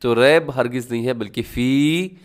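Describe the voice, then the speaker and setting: A man teaching tajweed, explaining each rule and then sounding out words slowly and loudly, often asking the class rhetorical questions. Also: mid-range voice. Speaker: Quran recitation teacher. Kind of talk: tajweed lesson.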